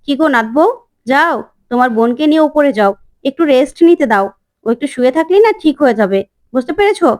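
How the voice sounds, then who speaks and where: A woman's voice: high voice, lively intonation, fast, a little mellow, dry recording, clean studio sound. A woman voicing a bossy elderly great-aunt who gives orders and brooks no argument. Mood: commanding.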